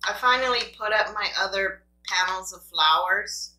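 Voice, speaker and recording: A woman with a bright, forward voice chats casually to camera during a mukbang. She talks between bites and mutters playfully to herself and her food. The room adds a noticeable echo. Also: medium pitch, moderate pace. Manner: talks between bites with small appreciative mm sounds; playful self-talk, grumbling at the food. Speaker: mukbang vlogger. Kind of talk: casual chat to camera while eating. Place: room at home. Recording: roomy, echoing indoor sound.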